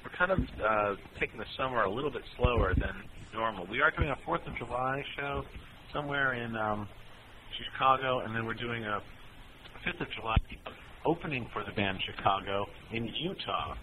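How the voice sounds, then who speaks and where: A man in a band answering fan questions in a relaxed, rambling way with many ums and uhs. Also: medium pitch, normal speed, noisy background. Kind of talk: casual Q&A chat.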